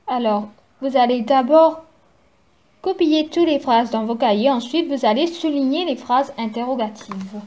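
Woman teacher recording a lesson at home, talks slow and careful for little kids. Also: high-pitched, warm tone. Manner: slow, careful explaining to children. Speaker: primary school teacher.

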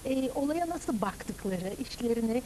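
A woman in her fifties with a fairly high voice speaks on a lapel mic in a TV studio. She explains in a measured, lecturing way, as an opera director and teacher would. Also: expressive, mellow, a little hiss or hum, low-quality recording. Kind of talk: studio TV interview.

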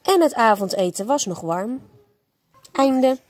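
A woman teacher reading a bedtime story aloud to a child, gentle and expressive. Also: on the high side, takes it slowly, no room sound.

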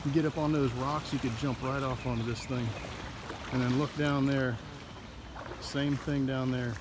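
A man's voice: medium pitch, little pitch movement, normal speed, background noise. Chatty middle-aged man on a travel vlog. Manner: chatty, pointing things out to the camera. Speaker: vlogger. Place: outdoors by a river, then a car and a parking lot.

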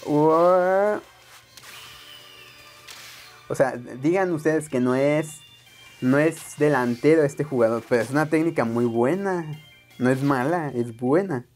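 A man's voice: fairly high pitch, slow pace, long pauses, darkish tone, soft background music. A young man giving casual, rambling gameplay commentary, talking straight to his viewers and poking fun at himself. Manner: rambling, self-mocking, chats to viewers. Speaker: let's play gamer.

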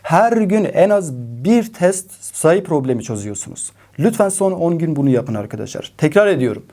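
A man's voice: a little high, very animated, moderate pace, mellow. A male math teacher giving emphatic exam-prep advice to students, repeating key points and speaking with a regional dialect.

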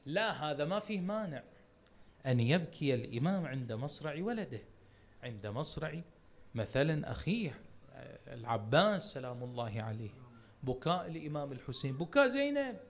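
Bahraini sheikh preaching to the crowd, high voice, fires off rhetorical questions. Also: male voice, very animated, a little fast. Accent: Bahraini Arabic. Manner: emphatic, full of rhetorical questions; addresses the congregation directly. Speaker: religious lecturer. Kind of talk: Muharram sermon lecture.

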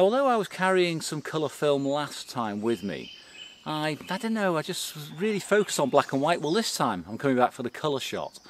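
A middle-aged man talking to camera in a forest, calmly explaining his photography gear step by step. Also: medium pitch, slight background noise. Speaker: photography vlogger. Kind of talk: casual explanatory talk to camera. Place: outdoors in a green forest.

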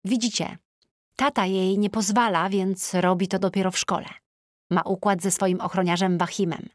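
A woman narrating an audiobook in the first person with a chatty, lively teenage-diary tone, recorded on a close studio mic. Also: medium pitch, moderate pace, dry recording.

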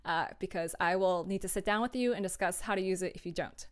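A young adult woman, a streamer and audio drama producer, chats casually and informally about her work process. She talks fast in a lowish voice, with a giggly manner.

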